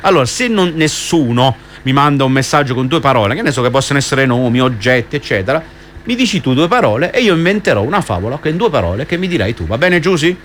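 A man's voice: medium pitch, very animated, fast, a bit bright, a little hiss or hum. A man hosting an evening radio show, chatting, reading dedications and reading a storybook aloud, often repeating his words. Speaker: radio host.

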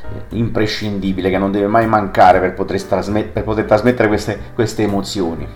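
A man's voice: lowish voice, fairly even intonation, normal speed, faint music behind. A male radio host asking long, rambling questions, often filling with "insomma" and "no?". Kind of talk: radio interview.

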